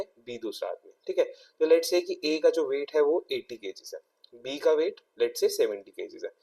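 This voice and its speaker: A man's voice: fairly high pitch, mellow, recorded from a distance. A young Indian man teaching a maths exam-prep lesson, explaining step by step and often checking in with his students.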